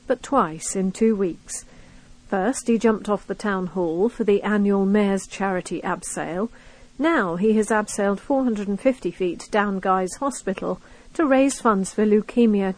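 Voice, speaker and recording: British woman, medium pitch, reading out community news articles for a recorded magazine, scripted narration. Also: a little mellow, low-quality recording. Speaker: reader of a recorded local magazine.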